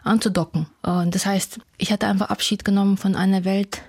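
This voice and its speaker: A woman's voice: medium pitch, flat delivery, a little fast, a little mellow, slightly rough. Earnest Ukrainian-born woman author. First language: Russian. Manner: earnest, candid, searching for words. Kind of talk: reflective interview conversation.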